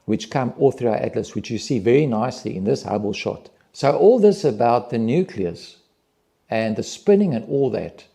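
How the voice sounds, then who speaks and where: A man's voice: medium pitch, gravelly, mellow. A man hosting his own channel, talking through space images in a thinking-aloud monologue with hesitant restarts. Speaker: channel host analysing images. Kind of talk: explanatory monologue over images.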